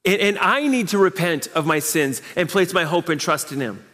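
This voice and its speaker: A male pastor delivers a sermon, emphatic and conversational, tossing out rhetorical questions and repeating key phrases. His voice sits a bit higher than most men's. A long reverb trails his words around the church hall. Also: animated, normal speed, fairly bright tone.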